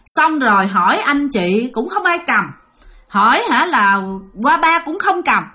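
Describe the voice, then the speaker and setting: A woman retelling a ghost story, acting out the voices of family members and dropping to a hush for the eerie parts. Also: a little slow, soft background music. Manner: lively, acts out family members' quoted voices; drops to a hushed low voice for eerie parts.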